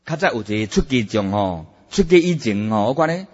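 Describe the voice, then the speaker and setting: A man preaching a Buddhist sermon, emphatic and animated, drawing out his sentence-end particles. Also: mid-range voice, a little fast. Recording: dull, echoey hall sound.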